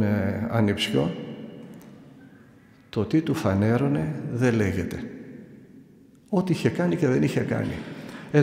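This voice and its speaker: An older man, a monastic elder, giving a calm sermon with stories and pauses. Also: mid-range voice, creaky. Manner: calm storytelling teaching, paced with pauses. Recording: echoey hall with long reverb.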